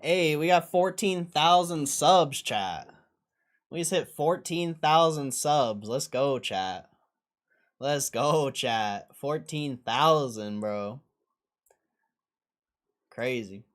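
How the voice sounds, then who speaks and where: This livestream host has a slightly high, animated voice, and he takes his time, with long pauses. He chats casually with viewers, reads their comments, and uses slangy phrases again and again.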